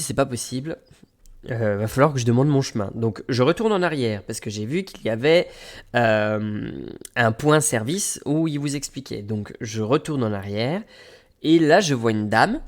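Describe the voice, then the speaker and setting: A man streaming, casually telling a story to his chat and acting out the people he met. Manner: animated, acts out quoted people with jumps in pitch.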